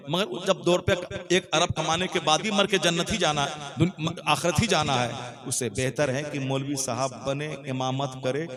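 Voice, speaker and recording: Man, preacher, rather high voice, rhetorical questions, repetitive lists, live crowd behind. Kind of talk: sermon at a public gathering.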